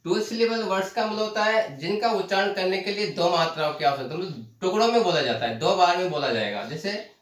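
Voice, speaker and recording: A man teaching a lesson, explaining terms slowly, repeating them and asking the class questions. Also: high voice. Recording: echoey room, voice from far off the mic.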